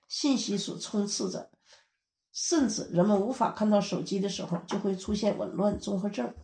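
Woman preaching in an echoey room. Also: medium pitch. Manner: steady, explanatory preaching. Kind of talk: sermon teaching.

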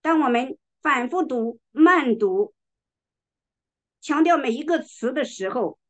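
Woman preacher, slow measured delivery, fairly high voice, deliberate stress on each word, sermon. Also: animated. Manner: slow, deliberate, emphatic reading of scripture; occasionally clears throat.

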